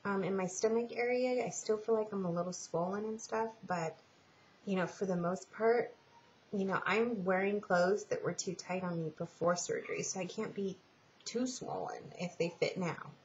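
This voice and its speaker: A woman giving a casual personal update in a halting, rambling way with trailing pauses, like a home vlogger. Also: medium pitch. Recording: muffled, lo-fi home recording with hiss.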